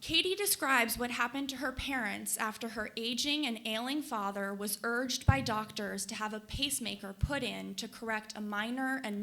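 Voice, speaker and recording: Reading from notes at a conference hall, a young woman from Colorado delivers an earnest, enthusiastic prepared speech; she is a book editor. Her voice is on the high side, sounding pushed and bright.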